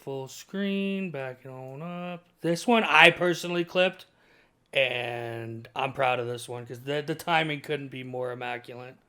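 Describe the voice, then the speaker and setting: A man's voice: mid-range voice, measured pace, pushed and bright, clear, resonant tone. A man casually chatting as the host of a talk show. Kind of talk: casual hosting chat.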